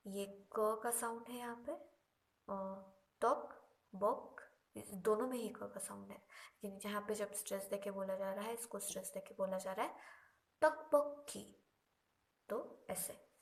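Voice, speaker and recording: A woman teaching a language lesson, explaining each example slowly and patiently, with drawn-out repetitions. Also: mid-range voice, fairly even intonation. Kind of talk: Korean lesson explained in Hindi.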